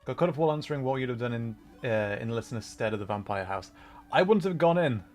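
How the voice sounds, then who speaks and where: Speaking quickly in an expressive, medium-pitched voice with a darkish tone, a man hosts a livestream and chats casually as he plays a game. He comes across as apologetic and self-deprecating, with soft music behind him.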